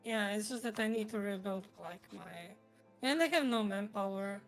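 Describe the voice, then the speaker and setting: A woman's voice: medium pitch, moderate pace. A woman streamer chatting casually over a game, her voice run through a voice changer that makes it slightly robotic. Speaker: streamer, host. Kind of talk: casual gaming stream chat. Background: music.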